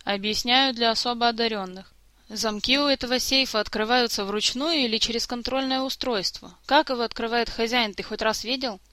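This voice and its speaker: A woman reading as a gruff, mocking male jester-thief who grumbles at everyone. The tone is bright and sharp, and the recording is close and dry with no room sound. This is a storybook reading. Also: very high-pitched, steady tone, a little fast, no echo. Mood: sarcastic.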